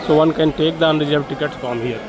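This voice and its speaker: Speaking quickly in a fairly high voice with fairly even intonation, an Indian-accented man narrates his walk through a railway station for his travel vlog. His explanations come out repetitive and hesitant, and busy crowd and vehicle sounds surround him.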